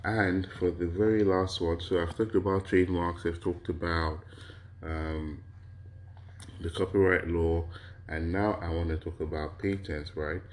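A Nigerian man with a very deep, slightly cold-roughened voice lectures an audience on intellectual property, asking questions and answering them himself. He speaks a little slowly in a steady tone, stringing points into lists punctuated by a questioning "right?". A faint hiss or hum is audible.

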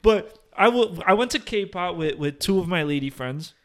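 Rambling, animated young man telling stories. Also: high-pitched, normal speed. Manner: animated storytelling, swears, frequent fillers and restarts. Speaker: podcast host. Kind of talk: casual chat.

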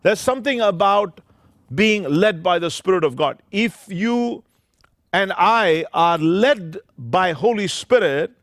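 A man's voice: high voice, animated, slow, a bit bright, no room sound, clean studio sound. A man, a pastor preaching a sermon into a pulpit microphone, emphatic and drawing out scripture phrases word by word.

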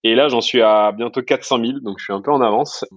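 A man from France, an entrepreneur guest talking casually in an interview, relaxed and full of fillers and "you know" asides. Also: mid-range voice, fast, no echo, dull audio.

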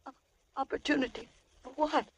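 A woman's voice: high voice, steady tone, moderate pace, lightly acted. An actress playing a tough-talking young woman in a 1940s radio drama, brash and slangy. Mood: frightened. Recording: old radio recording with faint hiss.

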